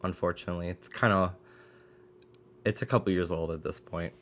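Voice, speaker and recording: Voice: deep voice, steady tone, a little fast. A game streamer giving casual live commentary while playing. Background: faint game music.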